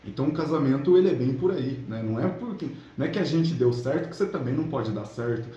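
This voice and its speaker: Speaking quickly at a medium pitch, this Brazilian man has a mellow voice with lively intonation, captured on lo-fi audio. He hosts a channel as a relationship coach from São Paulo state, giving casual motivational tips in colloquial speech and tossing in tag questions to check in with viewers. Background noise comes through clearly, along with a roomy echo.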